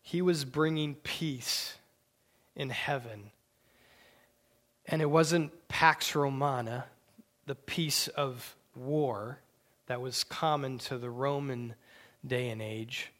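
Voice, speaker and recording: A male pastor delivers a sermon at an unhurried, drawn-out pace. His voice sits at an ordinary middle pitch, swelling with emphasis and then falling to hushed, breathy asides. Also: steady tone. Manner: slow, emphatic preaching with hushed whispered asides.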